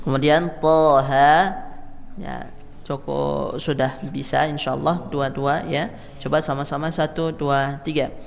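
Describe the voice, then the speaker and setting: A man's voice: fairly high pitch, level tone, takes it slowly, creaky, in a large hall, a little hiss or hum. A man teaching a Quran recitation class in a mosque, counting the group in and demonstrating how letters are read. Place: mosque hall. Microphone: microphone in a hall.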